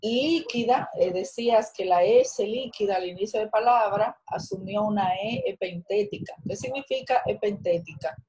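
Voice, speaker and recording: A woman's voice: mid-range voice, moderate pace, hardly any pauses, dark tone, rough recording. A woman teacher giving an online class on a video call, explaining and correcting student work with encouragement. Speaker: university teacher.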